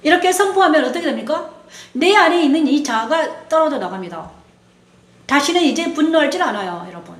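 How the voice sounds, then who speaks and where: A woman's voice: sits high, animated, brisk. A woman pastor preaching a sermon, often turning to her listeners for agreement. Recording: echoey room.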